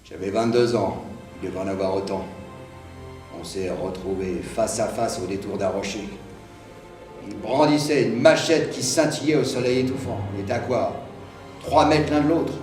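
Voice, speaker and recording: An actor playing an irascible, bossy man who flares into shouting. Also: lowish voice, moderate pace, echoey room, soft background music, lightly acted. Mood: grim. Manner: blustering, erupts into shouting. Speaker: actor in a stage comedy.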